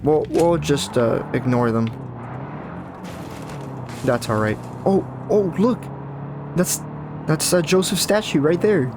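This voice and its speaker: A gaming YouTuber with a deeper, just-woke-up morning voice chats casually over his let's-play, rambling and correcting himself. He talks slowly with long pauses. His voice sits over loud game audio, and the background is noisy.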